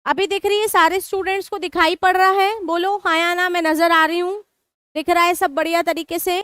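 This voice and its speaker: Woman teacher doing a live online class, really high voice, dry close sound, asks and answers her own questions. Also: level tone, brisk, sharp tone, no room sound. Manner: asks students questions and answers them herself; mixes Hindi with English terms. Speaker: online exam-prep teacher.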